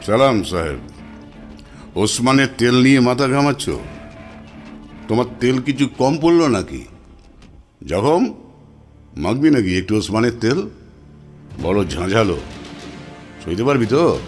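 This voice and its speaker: A man's voice: mid-range voice, big pitch swings, measured pace, pauses often, faint music behind. An actor playing a sarcastic, taunting man recently released from prison, in a radio play. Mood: mocking.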